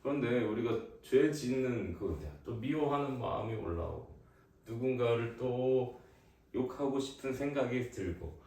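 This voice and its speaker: A man's voice: mid-range voice, expressive, measured pace, warm tone. Man preaching a home sermon, questioning and emphatic; very echoey room, mic far off. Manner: asks questions, building to emphatic exhortation. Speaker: leader of family worship.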